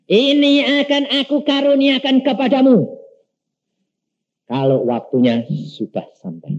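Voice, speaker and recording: A man voicing God, calm and commanding. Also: extremely high pitch, unhurried, pitched above the performer's own voice. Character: God, a patient, commanding divine voice. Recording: dull lo-fi recording.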